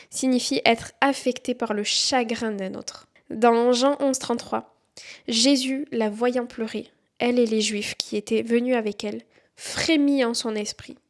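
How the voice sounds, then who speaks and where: Earnest young woman hosting a faith podcast. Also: a little high. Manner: earnest, encouraging, reads Bible verses aloud. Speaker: podcast host.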